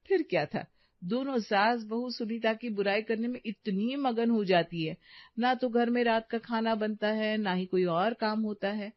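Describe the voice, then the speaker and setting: A woman narrating a cartoon story in an even, matter-of-fact way. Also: on the high side, measured pace, no echo, dull audio.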